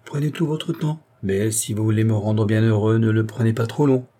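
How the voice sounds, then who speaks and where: Humble, devoted young suitor, soft and respectful, read by a male narrator. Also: fairly low pitch, moderate pace, lightly acted. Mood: gentle pleading. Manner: gentle, respectful pleading. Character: timid, devoted young man, earnest and humble.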